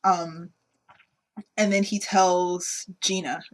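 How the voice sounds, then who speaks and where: A woman's voice: on the low side, very slow. A woman co-hosting a podcast, casually talking through a film and acting out the characters' lines as she goes. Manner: animated retelling, acts out characters' lines. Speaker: podcast co-host.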